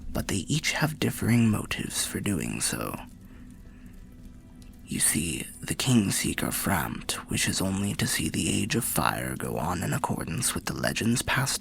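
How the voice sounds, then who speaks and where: An older man gives a heavily acted, soft-spoken fantasy roleplay in ASMR style, voicing a weary old undead soul. Low, gravelly and breathy, he tells fantasy lore as a slow, courteous, cryptic storyteller.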